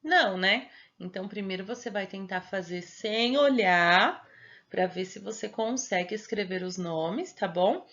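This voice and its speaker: A woman's voice: medium pitch, measured pace, a bit bright, lo-fi sound. A Brazilian Portuguese-accented woman teacher patiently explaining homework step by step to young children, often checking they follow. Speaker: primary school teacher.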